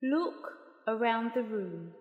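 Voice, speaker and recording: Slow, calm woman guiding a meditation. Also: fairly high pitch, phone-quality sound. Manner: calm, soft, unhurried with long pauses. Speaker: meditation guide. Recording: roomy long reverb.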